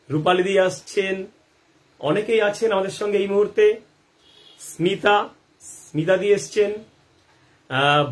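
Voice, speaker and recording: A high-voiced man leads a live gardening question-and-answer session, tackling what viewers send in. Along the way he throws rhetorical questions at himself and regularly checks on his audience.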